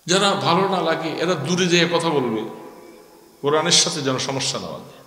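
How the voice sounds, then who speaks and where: A man's voice: on the high side, moderate pace, bright, forceful tone. A man with a Bangladeshi accent preaching a stern, admonishing Islamic sermon, putting rhetorical questions to his listeners. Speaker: Islamic preacher at a religious gathering. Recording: echoing PA sound with long reverb.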